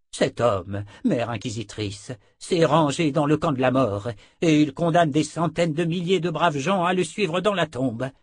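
A man voicing an old male wizard who speaks slowly, weighing his words gravely. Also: a little high, dry recording, studio quality, voice pushed up.

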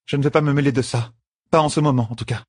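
A man voicing a poised, teasing young queen in an audiobook, with a husky tone and composed delivery. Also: medium pitch, fairly even intonation, quick pace, dry recording, studio quality, voice pushed up, natural voice. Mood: wry. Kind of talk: audiobook character voice.

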